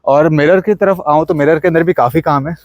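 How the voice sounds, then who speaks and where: A man's voice: fairly high pitch, fairly quick, dry recording, lo-fi sound. A young man with an Indian accent giving a casual, chatty walkaround of his modified car, pointing things out as he goes. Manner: chatty, mixes Hindi and English, points things out.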